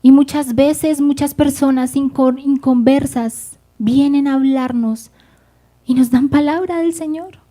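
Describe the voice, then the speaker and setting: A woman's voice: high voice, steady tone, a little slow, mellow. A woman preaching a sermon, speaking fervently and addressing the congregation directly.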